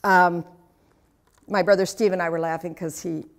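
A woman's voice: fairly low pitch, steady tone, normal speed. An older woman giving an interactive class talk, chatty and anecdotal, with humorous asides and questions to the audience. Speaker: speaker teaching a class.

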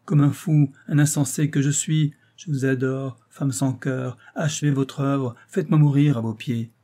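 A man's voice: mid-range voice, moderate pace, warm tone, husky, close to an everyday voice. A male audiobook reader voicing a jealous, desperate financier who rages and pleads with his mistress. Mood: anguished. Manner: indignant, pleading, groaning. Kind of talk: audiobook reading.

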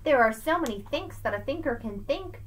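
A middle-aged woman reads a rhyming picture book aloud to young children, teaching as if in a storybook lesson at home. Her fairly high voice swings in big, animated arcs, moving a little fast and leaning expressively on key words. A webcam at arm's length in a small indoor room picks her up, with a little hiss or hum.

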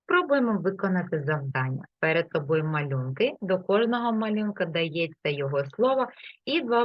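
A woman teaching an English lesson, explaining patiently and repeating example words clearly. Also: lowish voice, no room sound. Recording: dull, lo-fi, dry sound.

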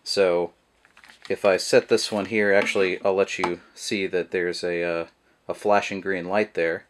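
Filmed at an indoor table and picked up by the camera mic, a man with a low voice gives a relaxed, rambling how-to demo of a product. He's a product reviewer who speaks unhurriedly over a noisy background, using plenty of fillers.

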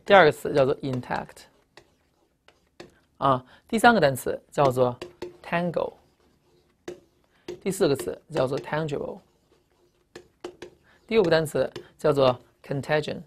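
A woman's voice: low voice, unhurried, pauses often, slight background noise. A woman with Chinese as her first language teaching English vocabulary in a recorded lecture, emphatic, asking rhetorical questions and spelling out word roots.

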